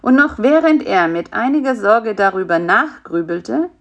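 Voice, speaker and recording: A woman narrating a children's storybook in a calm, gently expressive way. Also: medium pitch, moderate pace. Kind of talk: storybook reading.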